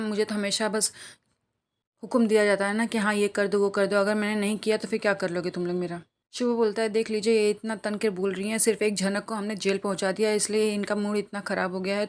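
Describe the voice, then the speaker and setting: A woman rattles through a soap-opera recap at a hurried clip. Her pitch barely moves as she relays each character's lines in the same level voice. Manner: brisk retelling, reads quoted lines in her own plain voice. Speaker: TV serial recap narrator. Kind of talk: rapid plot-recap narration.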